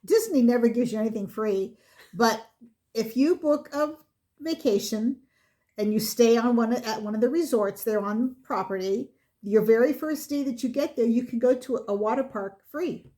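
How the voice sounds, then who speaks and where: A woman in relaxed conversation with a fairly high voice. She backs up the other speaker with steady mm-hmms and breaks in with her own chatty asides. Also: normal speed. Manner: chatty listener, frequent mm-hmms. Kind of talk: casual chat.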